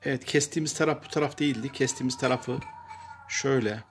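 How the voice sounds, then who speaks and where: A man calmly talking viewers through a repair job step by step, pausing often with fillers as he works. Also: mid-range voice, a little hiss or hum. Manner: plain and unhurried, addresses viewers as friends, frequent filler pauses. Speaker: DIY repair presenter. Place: workshop bench and outdoor paved yard.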